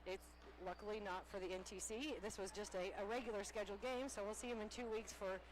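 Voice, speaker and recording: Woman basketball coach, candid and chatty, slightly winded, mid-pitch voice, loud gym noise behind. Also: fairly even intonation, fast talker. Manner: candid, upbeat, rambling with many fillers. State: slightly out of breath. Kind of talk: postgame interview. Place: high school gym after a game. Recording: noisy gym ambience.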